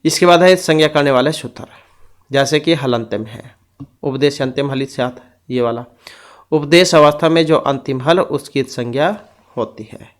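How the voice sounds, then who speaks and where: A man's voice: a little high, moderate pace. A man teaching an exam-prep grammar lesson who reads out rules and goes through lists one item at a time.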